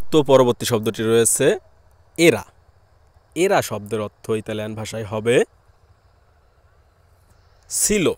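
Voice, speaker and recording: A man from Bangladesh with a Bangladeshi Bengali accent, teaching a language lesson and slowly repeating each word and its meaning. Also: mid-range voice, a little mellow, dry recording.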